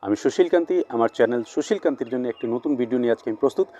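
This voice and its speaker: A man teaching word lists at a board, switching between two languages and slowly repeating each word's pronunciation. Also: medium pitch, animated, dark tone, lo-fi sound. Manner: slow, repeated pronunciation of words. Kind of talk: bilingual vocabulary lesson at a board.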